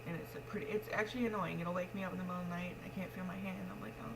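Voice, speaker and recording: Talking very fast with fairly even intonation, a young pregnant vlogger with a slightly low voice rambles frankly in casual confessional style. She has missing front teeth, keeps her delivery matter-of-fact, and the recording carries obvious background noise and hum.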